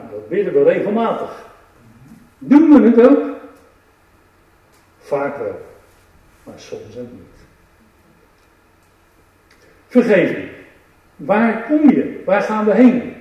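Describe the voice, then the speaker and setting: A man's voice: on the high side, dark tone, heavy reverb, far from the mic, lo-fi sound. A man preaching an earnest, reflective sermon who reads scripture aloud.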